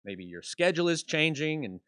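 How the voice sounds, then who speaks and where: A man's voice: a little high, very animated, brisk, a bit bright, dry recording. Male school presenter, laid-back and joking, dry close sound. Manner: casual, jokey explainer. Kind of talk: school announcement video.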